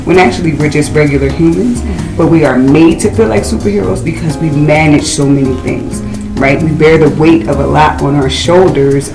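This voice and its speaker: A woman guest speaking in a motivational, advising way to young women in a casual panel talk. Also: sits low. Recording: echoey room with music behind.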